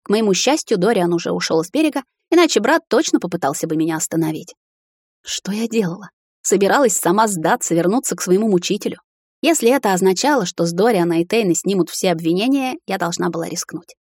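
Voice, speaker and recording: A woman narrating a novel in the first person, in a steady, measured reading. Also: medium pitch, breathy edge, dry recording, clean studio sound. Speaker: audiobook narrator.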